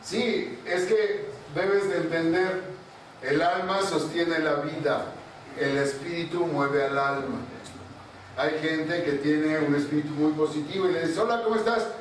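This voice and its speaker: A priest telling a parable in a colloquial sermon to a group, often asking the listeners. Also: male voice, on the high side, fairly even intonation, measured pace. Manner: storytelling, colloquial, asks the audience. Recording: echoey room, far from mic, faint noise.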